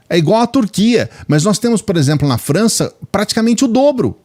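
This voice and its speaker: A man's voice: on the high side, a little mellow. A Brazilian man hosting a channel, giving casual, opinionated political commentary straight to his viewers in colloquial speech. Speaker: political video channel host.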